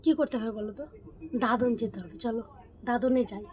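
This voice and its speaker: Young woman, hoarse voice but high pitched, griping loud in a casual vlog. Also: steady tone, fairly quick, a little hiss or hum. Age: early 20s. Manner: complaining, rising to loud exasperated outbursts. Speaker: vlogger.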